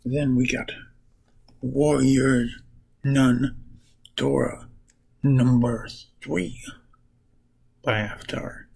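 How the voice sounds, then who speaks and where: A man walks through comic plots at an unhurried, deliberate pace, his voice gravelly with fry and a husky edge. He talks casually and haltingly, retelling the story bit by bit. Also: medium pitch, steady tone, warm tone, low-quality recording. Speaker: comic book reviewer.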